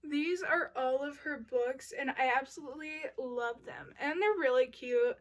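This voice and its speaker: A woman's voice: high-pitched, a little slow. A young woman chatting casually about books she loves, gushing and full of "like" and "y'all". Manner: gushing, uses y'all and like often. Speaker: book vlogger. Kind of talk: casual book review chat.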